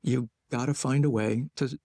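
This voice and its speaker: A man with a gravelly, low-burning voice speaks as an interview guest. He thinks out loud in short, measured phrases, and his tone sits dark and mellow. The sound is close and dry, with no room around it. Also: fairly even intonation, no room sound. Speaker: guest, playwright and educator. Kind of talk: reflective conversational interview.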